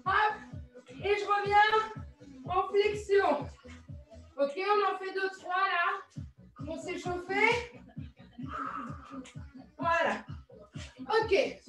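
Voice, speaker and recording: A very high-voiced French woman leads a workout class in an echoey room, music playing behind her. She explains each move slowly and unhurriedly, counting reps and adding friendly asides. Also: a bit bright. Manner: upbeat coaching, counting reps, chatty asides. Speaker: fitness instructor. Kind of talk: live online workout class.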